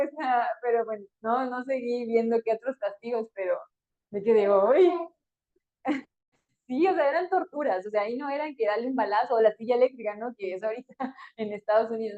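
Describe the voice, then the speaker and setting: A woman teaching a Bible story in a conversational way, with fillers and small laughs between phrases. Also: a little high. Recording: dull lo-fi recording.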